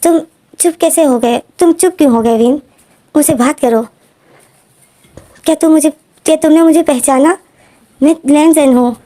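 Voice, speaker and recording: A woman's voice: high-pitched, moderate pace, long pauses, mellow, voice pushed up, lightly acted. A woman storyteller voicing a stubborn, dreamy young man who whines and pleads with his parents. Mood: pleading. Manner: pleading whiny protests.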